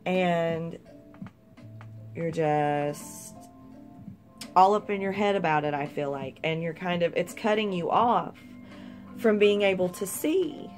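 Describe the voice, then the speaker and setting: A woman's voice: fairly low pitch, darkish tone. A young woman giving a casual, rambling tarot reading with some swearing. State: hiccups. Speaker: tarot reader.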